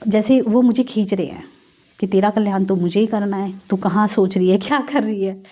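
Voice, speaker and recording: Before a congregation, a woman recounts her spiritual story in a mid-range, dark-toned voice at a normal pace. She's conversational and sincere, frequently speaking to the audience directly and blending everyday Hindi with English.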